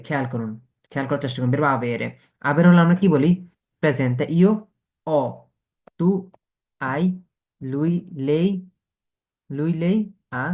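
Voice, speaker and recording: A man's voice: fairly high pitch, a little mellow. A man teaching a beginners' language class, going letter by letter and asking and answering his own questions. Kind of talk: Italian pronunciation lesson taught in Bengali.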